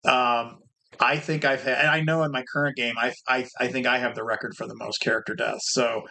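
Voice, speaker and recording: A man with a bright, clear voice at an average pitch, talking casually among friends. He speaks haltingly and breaks off to restart his sentences. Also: steady tone. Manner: halting, restarts sentences, frequent short agreements. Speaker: player in the host's game group. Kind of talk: casual group chat.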